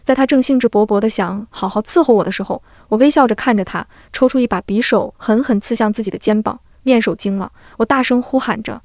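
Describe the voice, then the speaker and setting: A woman reads a historical romance audiobook as scripted narration, in a fairly high voice and at a brisk, rapid pace. Every character comes out in the same even reading voice, and the recording is close and dry, with no room sound. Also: no room sound. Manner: reads all characters in one steady voice.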